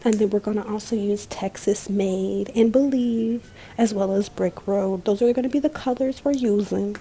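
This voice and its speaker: A woman's voice: mid-range voice, normal speed, dark tone, slight background noise. A woman giving a casual makeup tutorial in a giggly, tipsy, rambling way, with slangy, sweary, self-mocking talk. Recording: music playing behind the voice.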